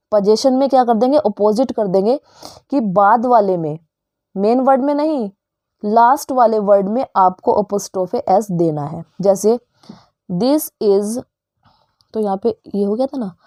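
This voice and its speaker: A woman's voice: medium pitch, warm tone, no room sound, studio quality. A woman teacher with an Indian English accent explaining English grammar in Hindi, often asking her students questions. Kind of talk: grammar lesson.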